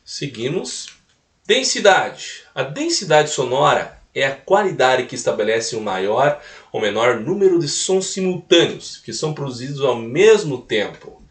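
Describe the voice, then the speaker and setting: A man's voice: medium pitch, sing-song, a little slow. A man teaching a recorded music lesson, explaining step by step and tagging points with little questions. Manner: explanatory, repeats points with "né?" tags. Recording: roomy echo, mic at a distance.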